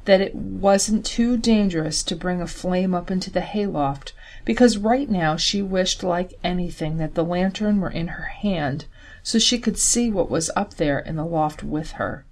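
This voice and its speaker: A woman reading a story aloud in a measured way, slowing on key details. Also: on the low side, darkish tone. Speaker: story reader. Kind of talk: scripted story narration.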